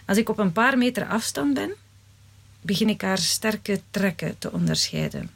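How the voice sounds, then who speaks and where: A woman reading a first-person story aloud in a measured, dramatic way. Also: mid-range voice, animated, creaky, slightly rough. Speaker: narrator.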